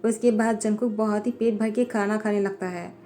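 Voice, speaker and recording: A woman reading a fan fiction story as a voiceover, narrating in a plain, steady way, with faint music behind her. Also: medium pitch, normal speed. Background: faint background music.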